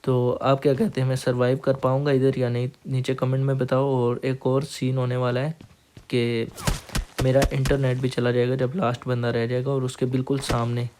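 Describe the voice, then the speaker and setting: A young man from Pakistan with a Pakistani accent, hoarse, narrating his own mobile game match step by step to viewers he calls guys. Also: medium pitch, completely flat delivery, moderate pace, a little mellow, slight background noise. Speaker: mobile gaming YouTuber. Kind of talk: gameplay commentary voice-over. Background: faint game gunfire.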